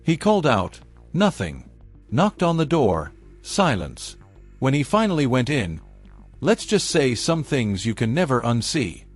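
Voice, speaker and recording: A man's voice: mid-range voice, sing-song, a little slow, breathy edge. A man narrating a scripted true crime story in a dramatic storytelling manner, leaning on short emphatic phrases. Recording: voice over background music. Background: music.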